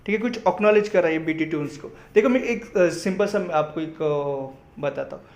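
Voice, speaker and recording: A young man from India teaching vocabulary for exams, explaining patiently in Hindi, spelling out words letter by letter and reading example sentences slowly. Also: fairly high pitch, a little mellow. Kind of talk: exam-prep vocabulary lesson.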